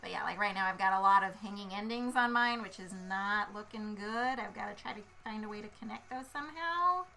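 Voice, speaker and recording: A woman co-hosts a casual board game play-along stream, chatting as she plays and thinking aloud with playful muttering and little vocal sound effects. Her mid-range voice is gravelly, pushed and bright, brisk with few pauses, and the audio is poor.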